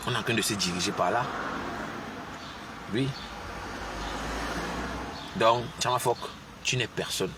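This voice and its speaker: A man's voice: on the low side, unhurried, long pauses, far from the mic, background noise. A man giving opinionated live commentary, insisting on his points with repeated rhetorical questions.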